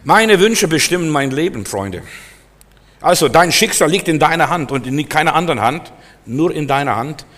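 A man preaching a sermon with a somewhat high voice, hammering his points home through repetition and sudden loud-soft swings. He is heard in a church hall whose long reverb trails after every phrase. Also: expressive, moderate pace.

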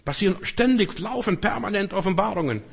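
A man's voice: high voice, animated, a little fast, creaky, breathy edge. A man preaching a sermon in church, speaking straight to the congregation with rhetorical questions. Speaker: pastor.

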